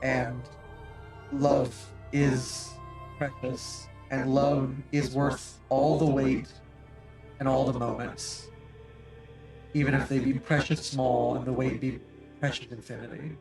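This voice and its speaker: A man's voice: medium pitch, little pitch movement, takes it slowly, gravelly, over loud music. A man doing a mournful statue spirit through a voice changer. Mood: sorrowful. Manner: solemn, archaic phrasing. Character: sorrowful ancient female statue spirit. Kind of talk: game master voicing a character.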